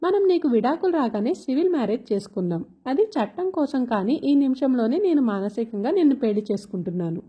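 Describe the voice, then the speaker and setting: Storybook husband, young and tender, read by a woman; soft, husky tone, dull lo-fi sound. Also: high-pitched, sing-song, brisk, few pauses, full character voice. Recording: dull lo-fi recording.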